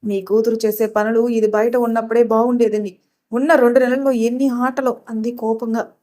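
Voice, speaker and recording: A woman's voice: fairly high pitch, level tone, moderate pace, close to an everyday voice. A woman voicing an angry, strict middle-aged village mother who scolds her daughter. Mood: scolding. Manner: scolding, shouting.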